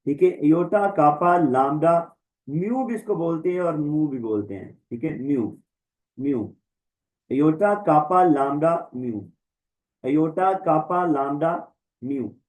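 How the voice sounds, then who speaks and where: Male teacher, online class, slow deliberate drilling, somewhat high-pitched. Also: animated, a little mellow, rough recording. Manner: slow, repetitive recitation, drawing out letter names. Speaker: Greek teacher.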